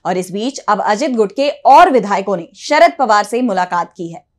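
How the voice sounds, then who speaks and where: A woman's voice: medium pitch, lively intonation, moderate pace. A woman news anchor presenting scripted breaking news with an emphatic, dramatic delivery.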